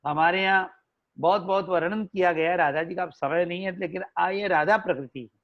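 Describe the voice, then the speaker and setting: A man giving a devotional discourse with a Hindi accent, slowly telling stories and breaking into melodic sung verses. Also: sits high. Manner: slow, melodic, chants verses. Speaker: religious storyteller. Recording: dull lo-fi recording.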